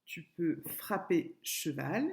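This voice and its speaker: A woman schoolteacher giving a recorded lesson to young pupils, patient and clear, repeating words and sounding out syllables. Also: lowish voice, expressive, slow pace, darkish tone. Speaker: primary school teacher. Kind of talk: remote classroom lesson video.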